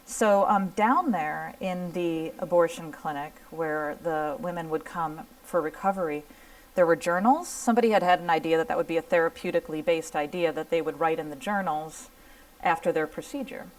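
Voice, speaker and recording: A woman's voice: sits low, moderate pace, dry recording, distant mic, poor audio. Earnest woman telling her story from afar. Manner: earnest storytelling, acts out quoted dialogue. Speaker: speaker giving a talk. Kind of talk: personal testimony talk. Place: lecture room.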